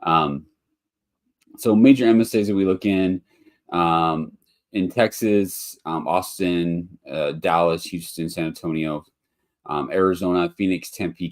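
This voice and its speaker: Sounding a bit nasal and congested from allergies, a webinar host who invests in motels rambles casually through a live session, full of ums and restarts. His voice sits low with a steady tone and a slightly slow pace.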